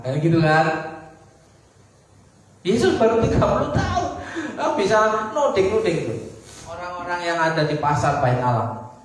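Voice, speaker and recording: A man's voice: high voice, lively intonation, normal speed. A male pastor with a Javanese-tinged Indonesian accent preaching a sermon, asking the congregation rhetorical questions. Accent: Javanese-influenced Indonesian. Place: church hall, livestreamed service. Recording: echoey church hall, distant mic.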